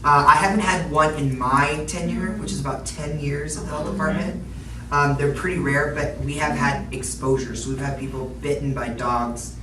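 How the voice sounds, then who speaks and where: A woman's voice: low-pitched, fairly even intonation, moderate pace. Woman, middle-aged, health educator explaining to kids, question-led and simple; roomy, noisy, off-mic recording. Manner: explaining to a child in simple words, prompting with questions. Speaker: public health educator presenting to children. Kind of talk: interactive educational talk, explaining to children. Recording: echoey room, distant mic, noisy background.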